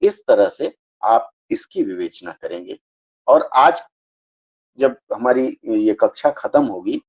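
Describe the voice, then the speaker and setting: Male teacher, online class, patient step-by-step explainer, low warm voice, dull lo-fi audio. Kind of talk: live online grammar class.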